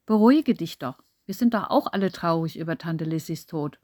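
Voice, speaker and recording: A woman's voice: on the low side, a little fast, dry recording, clean studio sound. A woman voicing a soothing relative. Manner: calming, gentle.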